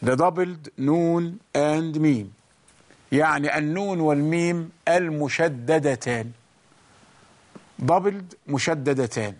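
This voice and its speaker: Slow, high-voiced man teaching recitation. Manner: slow, deliberate explanations, chanting the examples. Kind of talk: bilingual tajweed lesson.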